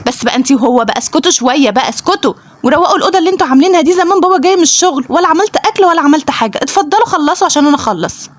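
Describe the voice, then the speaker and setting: A woman's voice: sits high, lively intonation. Woman doing an exasperated Egyptian mom. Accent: Egyptian Arabic. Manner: exasperated rapid scolding, threatening. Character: harried mother scolding her two children. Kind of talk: playful toy role-play voicing.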